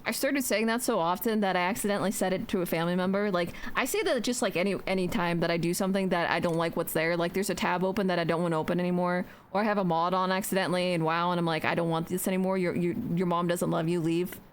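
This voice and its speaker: A woman's voice: fairly low pitch, steady tone, quick pace, few pauses, clean tone. Chatty young woman streamer, swearing freely. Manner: chatty, joking, swears freely, talks to herself. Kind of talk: casual live-stream chatter while building in a game.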